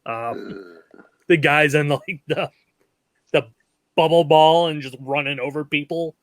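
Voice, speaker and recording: A man's voice: fairly high pitch, measured pace, dry recording. A man hosting a casual movie review podcast, chatty and giggly with lots of fillers. He leads the talk and asks the others for their picks. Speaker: podcast host.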